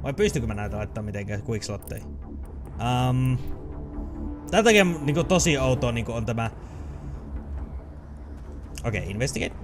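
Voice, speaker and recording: A young man with a Finnish accent giving excitable, chatty let's play commentary, swearing and laughing often as he plays. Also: medium pitch, pauses often, over music. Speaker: gaming channel host.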